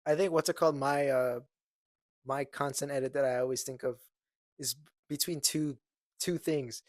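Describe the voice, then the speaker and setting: A man's voice: medium pitch, steady tone, moderate pace, dry recording, studio quality. A young man co-hosting a podcast, rambling casually with many restarts. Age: young adult. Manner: rambling, full of fillers and restarts. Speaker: podcast co-host. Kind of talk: casual chat.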